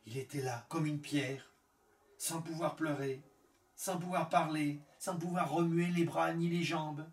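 A male storyteller reading a fairy tale in a calm, measured way with lingering pauses. He speaks slowly. The recording is roomy, and he sits well back from the mic. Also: on the high side. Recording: echoey room, far from the mic.

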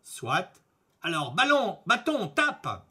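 A man voicing a bold young peasant lad in a fairy tale, making loud, commanding threats. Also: sits high, wildly swooping pitch, slow, husky, voice pushed up, heavily acted.

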